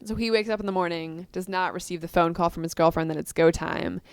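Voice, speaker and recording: A woman in a casual two-person chat who retells scenes with lively emphasis. Her voice is smooth and clear, a little low for a woman, recorded close and dry. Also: brisk, no room sound. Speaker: co-host. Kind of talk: casual discussion of book versus film.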